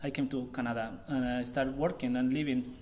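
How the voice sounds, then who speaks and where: A visiting artist in his thirties with a Chilean accent gives a public artist talk, speaking loosely and haltingly as he searches for words. His mid-range voice is steady and a little mellow, with a faint hiss beneath it in a lecture room.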